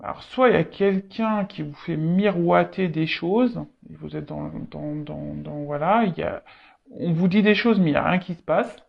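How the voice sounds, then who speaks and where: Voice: mid-range voice, moderate pace, vocal fry. Hesitant tarot reader with a dull lo-fi sound. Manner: hesitant, repeats words, frequent fillers. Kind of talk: unscripted tarot reading addressed to viewers.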